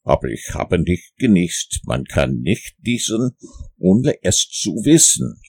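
A pedantic owl from a storybook who lectures in long words, slow and self-important. A man puts her on with a dark, gravelly, husky tone. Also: sits low, very animated, heavily acted. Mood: lecturing. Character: pompous, long-winded female owl, pedantic.

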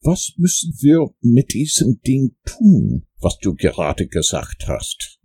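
A meek, dreamy teddy bear who drawls every word, his pitch lifted and swinging about in a storybook reading. A man plays him with a raspy, gravelly voice that stays soft and humble. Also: wildly swooping pitch, heavily acted. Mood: earnest, puzzled. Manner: meek, slow and wistful.

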